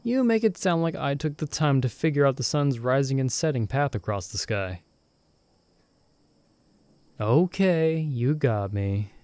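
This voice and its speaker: Reassuring a friend who is stranded, a young companion speaks softly and steadily with a hint of teasing, voiced by a man at an ordinary middle pitch. The delivery is measured and natural, and the sound is close and dry with no room around it.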